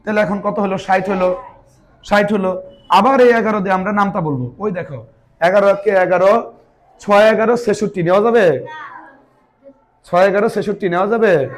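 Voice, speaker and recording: A man teaching a division lesson to a class, asking his pupils question after question and answering himself, with chiding, teasing asides. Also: high voice. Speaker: math teacher.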